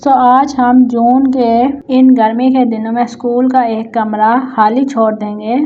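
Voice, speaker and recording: A woman teaching a textbook lesson, reading slowly and explaining quickly in Hindi. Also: fairly high pitch, flat delivery, highs cut off. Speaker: English tutor.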